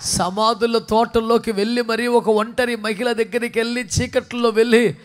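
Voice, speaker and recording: A male pastor preaching a sermon with passion, dropping to a hush and then rising to a shout, with many questions aimed at the congregation. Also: extremely high pitch, little pitch movement, moderate pace. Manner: impassioned preaching, swinging from hushed to shouting.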